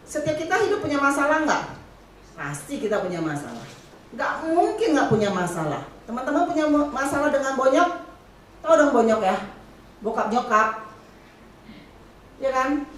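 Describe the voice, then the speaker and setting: Lively woman preaching in an echoey hall. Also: high-pitched, moderate pace, pauses often, recorded from a distance, slight background noise. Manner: lively, asks the crowd questions, acts out scolding mother. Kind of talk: youth sermon. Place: church hall. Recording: echoey hall, heard from afar.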